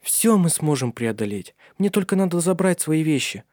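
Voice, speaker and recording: A man's voice: a little high, big pitch swings, moderate pace, a little mellow, dry recording, studio quality, pitched above the performer's own voice. A man voicing an anxious, tender young woman in love, with trembling pleas, in an audiobook. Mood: emotional.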